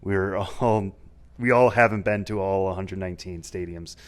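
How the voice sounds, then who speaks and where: A man's voice: deep voice, normal speed. A man hosting a podcast, chatting casually. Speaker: podcast host.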